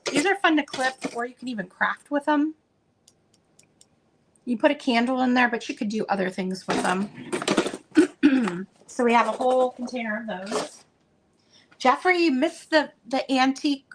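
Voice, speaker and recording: A woman selling vintage items, chatting casually and meanderingly as she unpacks, with plenty of fillers, and a voice that is going a bit hoarse. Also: high voice, normal speed, long pauses, noisy background. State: losing her voice. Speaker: vintage seller showing stock. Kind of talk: casual unboxing chat.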